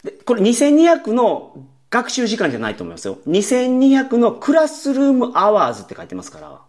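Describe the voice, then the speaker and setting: A man co-hosting a podcast, explaining points in casual chat. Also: a little fast. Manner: explains points, laughs along, lively pitch. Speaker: podcast co-host.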